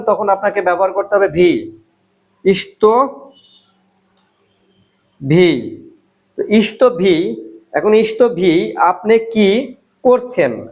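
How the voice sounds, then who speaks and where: A man teaching an online language lesson, slowly repeating key phrases and asking and answering his own questions. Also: high voice, darkish tone. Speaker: online Russian language tutor.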